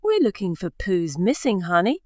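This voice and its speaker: Woman as eager girl explorer for storybook: animated, helpful, very dry sound. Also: medium pitch, normal speed, no echo, natural voice. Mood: reassuring.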